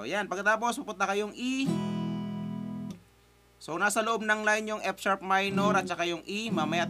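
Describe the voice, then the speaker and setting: A man talks through a casual guitar lesson, his voice sitting a little high for a man. He chats easily, checks in with his viewers, and counts out the strums. His own guitar rings out loud behind him. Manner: chatty, repeats "guys" and "okay", counts strums aloud. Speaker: guitar teacher. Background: his own guitar playing.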